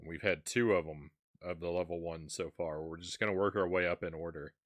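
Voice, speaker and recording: Low-voiced man chatting on a stream. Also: fairly even intonation, fairly quick. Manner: chatty, sighs and reacts while eating spicy seeds. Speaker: live streamer and host. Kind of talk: casual live-stream chat.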